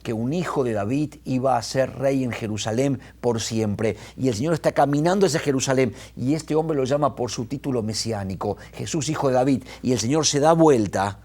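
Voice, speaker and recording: A man preaching a sermon, talking in an animated way and often restarting his words. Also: mid-range voice, normal speed, hardly any pauses. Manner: animated, retells scenes with quoted voices, restarts. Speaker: pastor.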